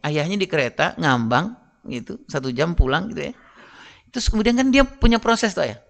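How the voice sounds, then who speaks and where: A man's voice: a little high, animated, a little fast, gravelly, fairly bright tone. A man giving a chatty parenting seminar talk, often addressing the fathers in the audience and acting out dialogue between parents and children. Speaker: parenting speaker.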